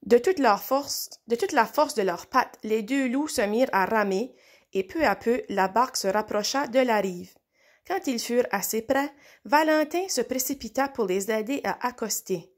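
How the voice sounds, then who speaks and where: Woman storybook reader, slightly high, expressive, slow dramatic pauses. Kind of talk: children's story read aloud.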